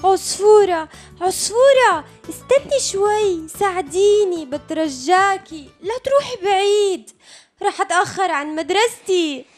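A woman's voice: extremely high pitch, measured pace, faint music behind. A woman voicing a small, childlike animal in a children's shadow puppet show, exclaiming and pleading. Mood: pleading, eager. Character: small hungry, pleading mouse or fish creature.

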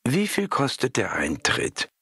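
An impatient woman on the phone keeps demanding to know what she must pay, as a male reader puts her on. She talks in a high, insistent, pressing voice. The recording is dry and close. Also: huge pitch swings, unhurried, husky, dry recording, exaggerated voice. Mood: curious. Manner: insistent, increasingly shouting. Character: pushy, impatient woman caller demanding a price. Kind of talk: scripted narration.

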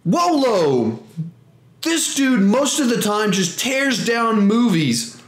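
A man in his thirties from the United States, a movie vlogger chatting casually to camera and reading out comments with wry sarcasm and expressive emphasis. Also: extremely high pitch, slow. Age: 30s. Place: indoor room with painted walls, seated. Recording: roomy, echoing indoor room.

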